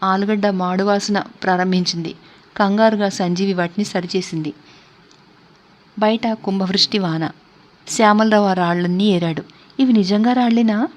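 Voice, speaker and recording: A woman storyteller reading a story aloud with steady, measured narration. Her voice sits at an ordinary middle pitch for a woman.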